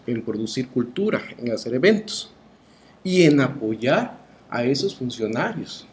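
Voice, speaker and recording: A medium-pitched, darkish voice belongs to a middle-aged man with a Mexican accent. Interviewed as a cultural promoter, he voices opinions emphatically and rhetorically, leaning on tag questions.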